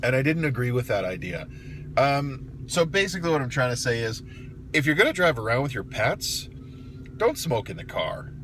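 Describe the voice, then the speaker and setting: A man's voice: mid-range voice, very animated, normal speed. A grumpy, blunt older man giving a casual, sweary opinion rant, recorded inside a car. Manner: sweary, colloquial. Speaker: vlogger. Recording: loud car and outdoor road noise. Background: vehicle and street noise.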